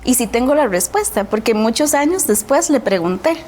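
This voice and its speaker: A woman's voice: a little high, expressive, normal speed, a little mellow, slight background noise. A woman with a Costa Rican accent, a guest on a TV talk show, earnestly telling her own story and often adding a questioning tag. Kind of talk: personal storytelling in a TV interview.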